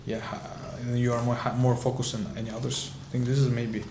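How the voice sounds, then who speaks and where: A man in his twenties from Kazakhstan, a startup founder being interviewed, speaking halting English with many fillers. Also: mid-range voice, little pitch movement. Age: 20s. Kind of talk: casual interview. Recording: roomy echo with clear background noise.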